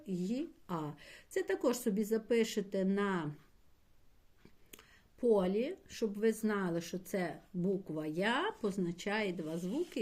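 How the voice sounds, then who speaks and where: A woman teacher talks her young pupils through a language lesson at an unhurried, deliberate pace. Her voice sits at an ordinary middle pitch, and she stretches words into syllables as she explains. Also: a little mellow. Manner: slow, patient explaining, addressing pupils directly. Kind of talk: primary school language lesson.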